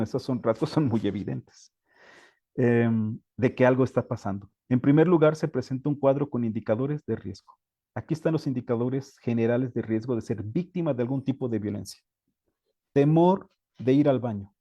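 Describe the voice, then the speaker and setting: A man delivers a training lecture to teachers in a mellow, warm voice. He pauses to check in with his listeners and now and then searches for a word. The recording is close and dry, with no room sound. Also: medium pitch, no echo, highs cut off. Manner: often checks in with the audience, with frequent hesitations.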